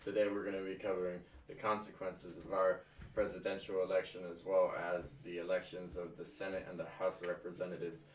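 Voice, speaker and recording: A man's voice: low voice, level tone, a little fast. A man streaming his reactions to news clips, talking casually, swearing often and laughing through rambling asides. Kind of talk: casual profane stream commentary. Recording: roomy room mic from some distance, faint noise.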